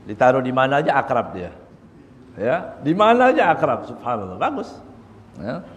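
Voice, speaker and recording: A man giving a religious lecture, humorous and animated, explaining Arabic terms and acting out small everyday scenes. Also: mid-range voice, normal speed, highs cut off. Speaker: preacher. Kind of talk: religious lecture on good character. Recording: long hall reverb.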